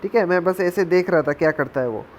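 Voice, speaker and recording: A man's voice: high-pitched, fast. A young man telling a casual warning story in a vlog. He is chatty, drops in English phrases, and keeps calling his listeners "bhai". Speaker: gaming channel creator. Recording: slightly dull audio with faint background noise.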